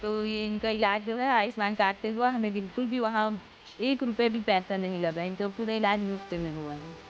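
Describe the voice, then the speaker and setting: A woman from a district in central India, speaking plainly as a resident interviewee in a vox-pop testimonial, with halting restarts. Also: medium pitch, fairly even intonation, muffled recording. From Durg district, Chhattisgarh, India. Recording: music bed under the voice.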